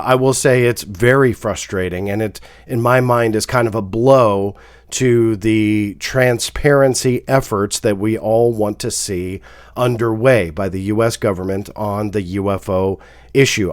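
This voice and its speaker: Guy with a head cold, nasal and stuffy, lowish voice, dry close mic, chatty with lots of uhs. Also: dry recording. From California. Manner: frank, apologetic, frequent fillers. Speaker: host. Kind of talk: casual video commentary.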